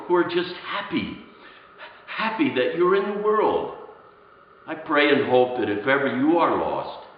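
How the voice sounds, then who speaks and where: A man as a gentle, earnest Santa Claus. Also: medium pitch, slight background noise, close to an everyday voice. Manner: soft-spoken, earnest, halting repetitions. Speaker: Santa performer. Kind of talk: heartfelt storytelling address. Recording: echoey room, dull lo-fi sound.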